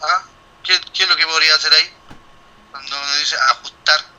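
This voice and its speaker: A man's voice: fairly high pitch, steady tone, brisk, sharp tone, low-quality recording. A middle-aged man, a lecturer explaining a statistics problem to his students and thinking aloud with restarts and rhetorical questions. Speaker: university lecturer. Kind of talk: classroom explanation.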